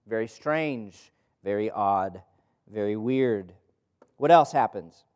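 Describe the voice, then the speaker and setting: This man's voice is lowish, smooth and darkish, animated yet slow-paced. Leading a group Bible study in a room, he gives an informal sermon with scripture reading, asking rhetorical questions and repeating phrases for emphasis.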